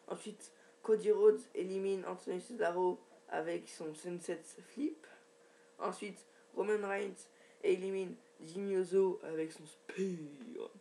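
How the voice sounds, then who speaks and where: A man's voice: high voice, creaky, warm tone. A man giving a casual, rambling recap from his home computer, with many restarts and fillers. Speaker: wrestling recap vlogger.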